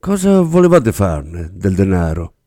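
A man's voice: deep voice, sing-song, a little slow, dark tone, no echo, clean studio sound. A man doing a pressing investigator. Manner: pressing, questioning. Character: probing male investigator, pressing.

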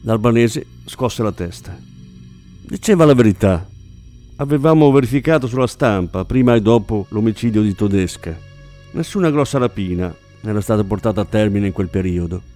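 A man narrating an audiobook in a steady, measured way. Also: lowish voice, soft background music.

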